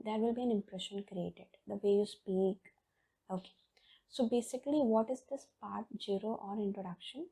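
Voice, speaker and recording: A woman's voice: mid-range voice, mellow, breathy edge, rough recording. A woman teaching a test-preparation lesson, often checking in with "okay" and repeating her key points. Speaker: IELTS speaking teacher. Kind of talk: explanatory lesson.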